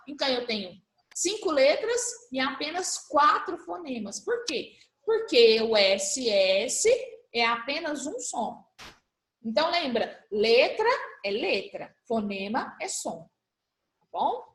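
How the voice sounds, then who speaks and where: A woman's voice: high voice, echoey room. A woman teaching a primary school class, patiently spelling out letters one by one as she reviews for a test. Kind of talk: recorded class review lesson.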